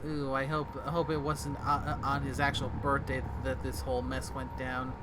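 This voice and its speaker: Halting male gamer over loud noise. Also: mid-range voice, monotone. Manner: halting, thinking aloud. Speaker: game streamer. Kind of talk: casual gaming commentary. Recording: loud background game noise.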